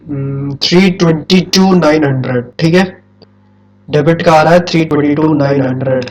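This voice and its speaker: A man's voice: on the high side, normal speed, a little mellow, far from the mic. Man teaching in an echoey classroom. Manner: quizzing students, repeating key points. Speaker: accounts teacher. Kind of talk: classroom lecture.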